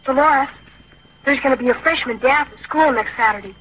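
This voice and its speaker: A woman plays an awkward, earnest young teenage boy in a vintage radio comedy. The voice is high, hesitant and stammering, and the sound is dull and lo-fi. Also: a little fast, slightly rough, soft background music. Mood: bashful. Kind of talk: old-time radio comedy acting. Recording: dull lo-fi old radio recording.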